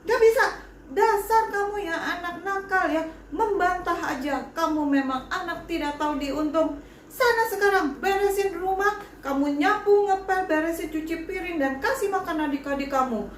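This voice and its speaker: A woman voicing a harsh, short-tempered mother eel who scolds and shouts in a storybook tale. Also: very high-pitched, moderate pace, roomy sound, a little hiss or hum, pitched above the performer's own voice. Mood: scolding.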